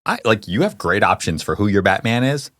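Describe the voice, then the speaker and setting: A man with a very low voice that swoops up and down with animated energy, co-hosting a casual film podcast. He jokes, swears and laughs freely, recorded dry and close on a studio mic. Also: fairly quick, no echo. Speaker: podcast co-host.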